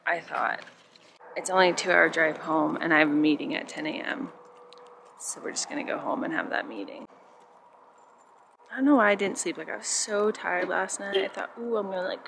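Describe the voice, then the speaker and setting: A woman in her thirties vlogs her travels, holding the camera at arm's length and rambling casually in an upbeat way. She's filmed at hostel grounds, in a car, and in a bedroom at home. Her voice is lowish, gravelly, and a bit bright, with slight background noise.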